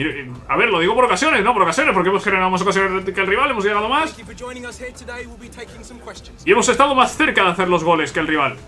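A man commentating his football video game as he plays, talking to viewers, often repeating himself and complaining that the game is unfair. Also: high-pitched. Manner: frustrated, repetitive ranting at the game, swearing; bursts into loud excited shouts at big plays. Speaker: gaming youtuber. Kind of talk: live gameplay commentary.

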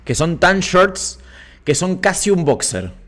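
A man's voice: high-pitched, sing-song, slow, fairly bright tone. A man with an Argentine accent hosting a casual livestream, chatting playfully and reading out viewers' comments. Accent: Argentine Spanish (Rioplatense). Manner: chatty, playful, self-mocking asides. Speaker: livestream host. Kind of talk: casual live-stream chat reading comments.

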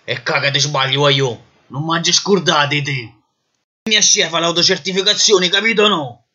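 Casting: male actor as a bullying Neapolitan marshal, theatrical and sarcastic, forceful tone, parody dub. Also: fairly high pitch, moderate pace. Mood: sarcastic scolding. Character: exasperated, bullying police marshal berating a rule-breaker. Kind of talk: comic parody dub of a fantasy film. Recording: muffled lo-fi dub.

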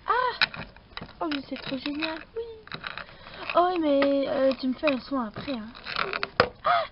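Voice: high-pitched, sing-song, slow pace. Young girl playing with toys outdoors. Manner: playful, swears, cries out in pain. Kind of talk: toy play with voiced figures. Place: outdoors on ice in winter. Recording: dull sound, loud outdoor noise.

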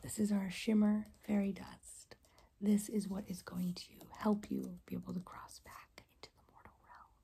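A young woman in a whispered role-play as a caring rainbow fairy, speaking in a gentle, reassuring, breathy whisper. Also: medium pitch, little pitch movement, moderate pace. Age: young adult. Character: caring, soft-spoken rainbow fairy guide. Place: small room indoors.

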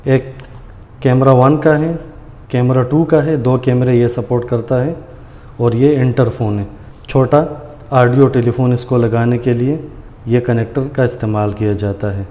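Warm and steady, the man's medium-pitched voice takes its time as he hosts an easygoing tutorial, explaining each step to viewers he calls friends. He is indoors in a tiled room, working at a granite counter. The audio is noisy, with the echo of a hard-walled space.

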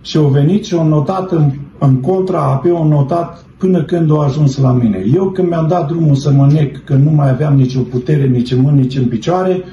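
A man's voice: fairly high pitch, hardly any pauses, dark tone. A middle-aged man giving an earnest, fervent religious testimony, telling his story and calling his listeners brethren. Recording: roomy, dull, slightly noisy.

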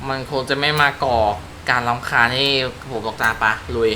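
A man's voice: medium pitch, fairly even intonation, normal speed, bright, forceful tone, a little hiss or hum. A Thai man giving casual, profane commentary while playing a racing game, laughing at his own mistakes. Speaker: gaming YouTuber. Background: car engine and game ambience.

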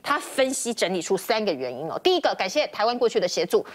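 A woman with a Taiwanese Mandarin accent hosting a news talk show in a television studio, brisk and chatty, tagging phrases with soft particles. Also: medium pitch, sing-song. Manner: brisk, chatty, with frequent "哦" tags.

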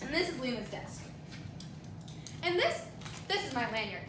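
Casting note: teen girl, high voice, chatty and a bit deadpan, echoey dorm room with background noise. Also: moderate pace. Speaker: roommate giving a dorm tour. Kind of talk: casual room tour.

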